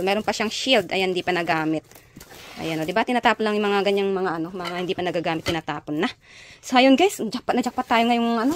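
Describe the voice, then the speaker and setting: A young adult woman from the Ilocos region of the Philippines with an Ilocano accent, chatting casually in a vlog and filling pauses with "ayan" and "guys". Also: fairly high pitch, a bit bright. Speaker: vlogger. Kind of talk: casual vlog showing found items. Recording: noisy background.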